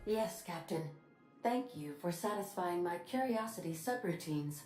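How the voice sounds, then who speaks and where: A woman voicing a calm, formal female ship computer who speaks in a precise, politely deadpan way, like an AI processing information. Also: on the low side, unhurried. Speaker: ship computer in a video game. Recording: roomy game audio with faint music.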